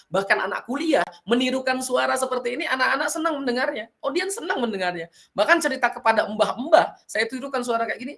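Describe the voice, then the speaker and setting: A man giving a lively storytelling workshop to students at a school, often breaking into character voices and sound effects to show his tips. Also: sits high. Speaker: storytelling trainer. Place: school event.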